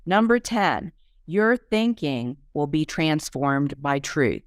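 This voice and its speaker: A woman's voice: low voice, very animated, slow, no echo, clean studio sound. A woman hosting a faith-based business podcast, teaching in an emphatic, preachy way and reading testimonials aloud. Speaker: podcast host and business coach. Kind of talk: motivational teaching talk.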